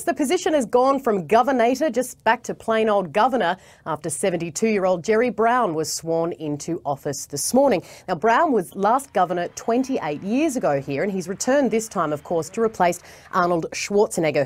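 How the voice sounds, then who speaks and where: An Australian correspondent in her thirties delivers a television news report, mixing live reporting with scripted narration into a lapel mic. Her medium-pitched voice is animated and darkish, at a moderate pace.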